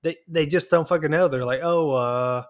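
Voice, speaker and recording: A man's voice: on the high side, fast. A man co-hosting a podcast, telling stories in casual chat, swearing freely and acting out what people said. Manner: storytelling, acts out quoted dialogue, swears freely. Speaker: podcast co-host.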